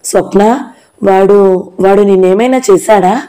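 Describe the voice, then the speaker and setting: A woman's voice: medium pitch, measured pace, dark tone, natural voice. A woman voicing a frail older mother, anxious and pleading, breaking into sobs in a storybook reading. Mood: anguished.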